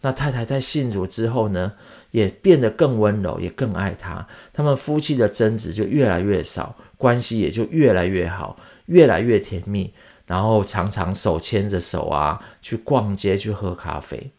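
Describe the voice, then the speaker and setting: A man hosting a Bible podcast. He retells a story in a lively, chatty way and keeps asking listeners rhetorical questions. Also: lowish voice, moderate pace, vocal fry.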